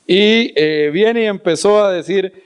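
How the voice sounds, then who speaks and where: Animated storytelling preacher, a man. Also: sits high, a little slow, clean tone. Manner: animated, acts out scenes and voices; repeats words for emphasis. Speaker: preacher and Bible teacher. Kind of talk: storytelling sermon.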